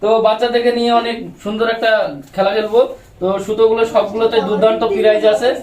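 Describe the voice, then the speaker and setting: A woman's voice: on the high side, level tone, fast talker, echoey room, far from the mic, crowd noise. A woman hosting a children's prize game, eagerly cheering the players on and prompting them again and again. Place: outdoors in a village crowd.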